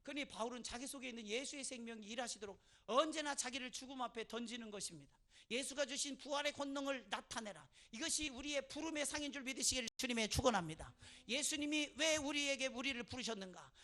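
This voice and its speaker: A male pastor delivers a sermon in church, his voice bright and pushing forward. He tells stories quietly, then swells into loud preaching. He draws the congregation in with repeated calls for an amen. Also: very high voice, expressive, fast talker. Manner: call-and-response, asking the congregation for amen; moves from soft storytelling to loud preaching.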